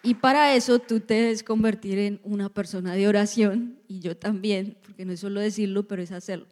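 Woman preaching, mellow, echoey church hall. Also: medium pitch, a little fast. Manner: lively, joking asides to the congregation. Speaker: pastor. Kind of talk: sermon.

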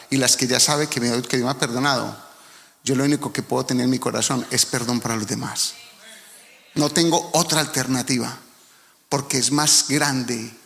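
A man's voice: mid-range voice, gravelly, fairly bright tone. A man with a Colombian accent preaching a sermon as pastor, earnest and emphatic, speaking directly to the congregation. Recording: long hall reverb.

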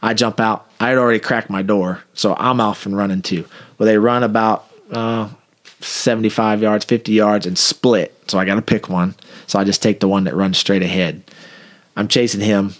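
Guy cop telling a work story, kinda low voice, lively and chatty. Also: moderate pace. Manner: animated anecdote with acted-out quotes. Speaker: police officer. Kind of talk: casual storytelling interview.

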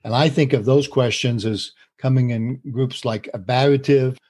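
A husky-voiced man at an everyday middle pitch talks through ideas with a co-host. He explains in an earnest, steady way and laughs easily between points. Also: moderate pace. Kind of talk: conversational podcast talk on communication.

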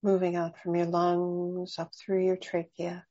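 A woman guiding a slow breathing meditation, speaking softly and soothingly with long pauses. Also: on the low side, monotone, dull audio. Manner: slow, soft, soothing and unhurried. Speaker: meditation guide.

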